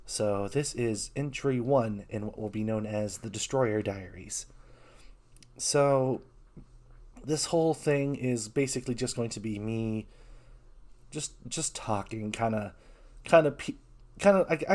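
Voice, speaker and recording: A man talking openly in a casual vlog, his voice rough from being sick, earnest and halting, often restarting his sentences. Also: medium pitch, darkish tone. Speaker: VTuber.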